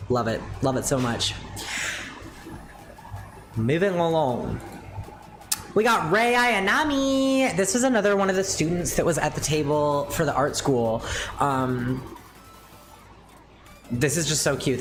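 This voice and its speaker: A young adult woman chatting casually on a livestream, rambling with lots of fillers and casual swearing, her pitch jumping up and down as she talks. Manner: animated, wide pitch swings. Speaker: streamer.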